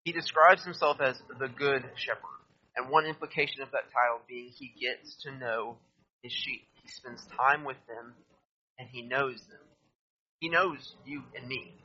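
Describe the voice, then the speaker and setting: Man, sermon, preacher reading and explaining scripture, bright tone, husky, slightly muffled lo-fi recording. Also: medium pitch, measured pace. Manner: reads scripture aloud and explains it to listeners; addresses listeners directly, asks them to turn to verses.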